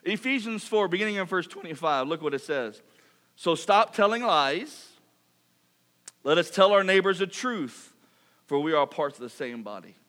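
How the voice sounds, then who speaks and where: A middle-aged man preaching a sermon, reading Scripture aloud and acting out mock apologies with humor. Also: high-pitched. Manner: lively preaching, reads Scripture, mock-apologizes in funny voices. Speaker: pastor.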